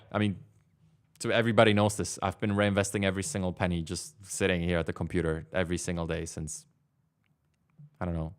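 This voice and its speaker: A man's voice: low-pitched, a bit bright, smooth. A young man in his twenties hosting a casual livestream from his desk, rambling and leaning on fillers as he answers chat. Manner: rambling, filler-heavy, lots of "like". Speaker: livestream host. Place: home studio desk.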